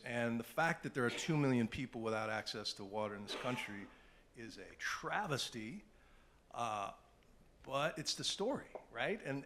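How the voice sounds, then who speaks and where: A man's voice: mid-range voice, slight background noise. Middle-aged man telling vivid stories. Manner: animated anecdotal storytelling with asides. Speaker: panelist, television journalist. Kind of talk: storytelling at a panel talk.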